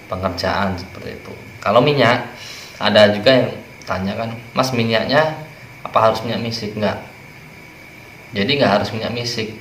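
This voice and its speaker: A man, speaking as a spiritual teacher in a relaxed, rambling way, trailing off softly at the ends of phrases. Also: on the low side. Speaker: spiritual teacher explaining rituals. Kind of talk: casual explanatory talk. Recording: echoey room with faint ambient noise.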